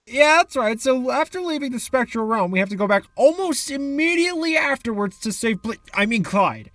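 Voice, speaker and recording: A man's voice: very high-pitched, animated, normal speed, fairly bright tone. A man giving sarcastic, exasperated commentary for a video game review essay, into a close mic.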